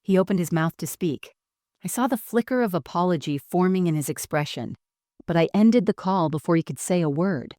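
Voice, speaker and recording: Woman narrator for a first-person story; calm and measured, lowish voice, dry close sound. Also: no room sound.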